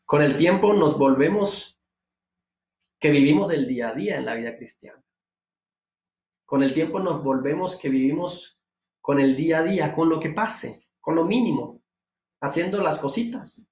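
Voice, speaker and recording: A man preaching with a fairly high voice that climbs sharply on his emphatic rhetorical questions. He sounds like he is in an echoey room, not close on a dry mic. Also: expressive, moderate pace, pauses often, darkish tone. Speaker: pastor. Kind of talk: devotional sermon.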